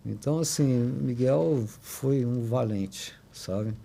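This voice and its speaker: Older Brazilian man, guest storyteller; low gravelly tone, halting delivery with frequent tag questions. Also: mellow, slight background noise. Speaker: podcast guest. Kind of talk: emotional personal storytelling.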